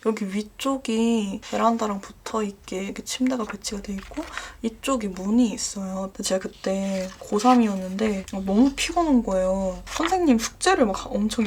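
A young adult woman vlogger casually telling horror stories, dropping into hushed whispers at the scary parts. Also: mid-range voice, normal speed, hardly any pauses, a little hiss or hum. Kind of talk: casual horror storytelling while journaling.

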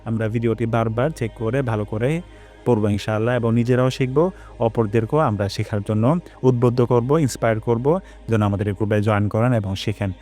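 Man, recitation teacher: patient explanations broken by slow, melodic chanted examples, faint music underneath. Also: medium pitch. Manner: slow drawn-out chanting of Arabic phrases between calm explanations. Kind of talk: pronunciation lesson with recited examples.

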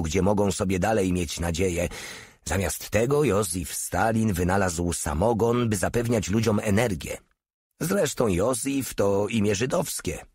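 A man's voice: slightly rough, dry recording, studio quality. A man reading a war novel aloud as audiobook narration, raising his voice for the characters' lines. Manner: acts out the characters' lines with raised pitch.

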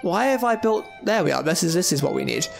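A man's voice: sits high, lively intonation, quick pace, gravelly, faint music behind. A young man giving casual, chatty let's-play commentary, thinking aloud as he plays with jokey asides. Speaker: gaming YouTuber.

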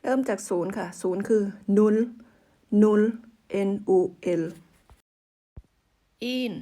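Patient woman teaching number words. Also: mid-range voice. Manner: patient, repeats words slowly for practice; polite, uses soft sentence-end particles. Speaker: language teacher. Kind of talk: casual language lesson.

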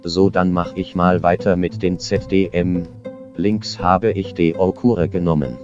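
A man talking through a flat robotic voice changer, making deadpan jokes while commentating a game with a friend. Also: low voice, a little slow, dull audio, over music. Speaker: co-host, gamer. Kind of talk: casual gaming commentary.

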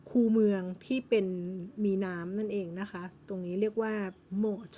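A woman's voice: medium pitch, fairly even intonation, normal speed, mellow. A Thai-accented woman teaching English vocabulary, patiently explaining words and repeating each English term several times. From Thailand. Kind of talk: slow vocabulary lesson.

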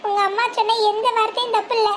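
A performer voicing a meek young wife, who pleads and apologetically blames herself. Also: female voice, extremely high pitch, flat delivery, fast talker, slight background noise. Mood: pleading.

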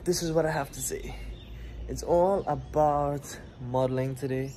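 A man's voice: fairly high pitch, fairly even intonation, measured pace, slight background noise, poor audio. A man in his twenties with a Trinidadian accent, talking casually to his phone camera in a vlog, tired and chatty. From Trinidad and Tobago. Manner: laid-back, chatty, playful slang. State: tired from little sleep. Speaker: vlogger. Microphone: phone held at arm's length. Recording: loud music over the voice.

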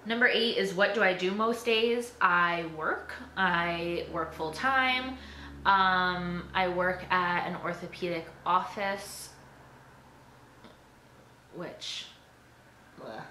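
Bright chatty young woman. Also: lowish voice, slow. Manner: chatty, filler-heavy with frequent "like" and "um". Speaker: YouTuber. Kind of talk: casual tag video chat. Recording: echoey room with faint background noise.

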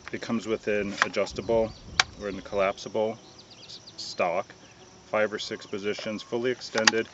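Low-voiced man, hesitant outdoor review. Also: dull audio, very noisy. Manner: relaxed, hesitant, many ums and uhs. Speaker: gun reviewer. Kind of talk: casual product review.

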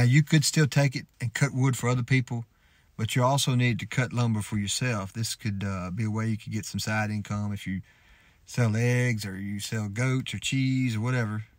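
A man in his thirties giving relaxed, folksy advice to the camera from inside a parked pickup truck, often restarting his words. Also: medium pitch, no echo. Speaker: sawmill owner and homesteader vlogger. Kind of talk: casual advice talk to camera.

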